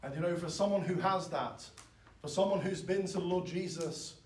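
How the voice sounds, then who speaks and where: A man, preaching a sermon in an earnest, pleading way that swells loud and then drops soft. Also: high voice, normal speed. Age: 20s. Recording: echoey, from far off.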